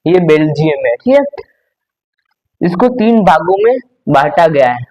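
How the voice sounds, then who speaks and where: A man's voice: a little high, very animated, unhurried, darkish tone, low-quality recording. A young man teaching a class lesson, explaining step by step, repeating himself and saying "okay" often.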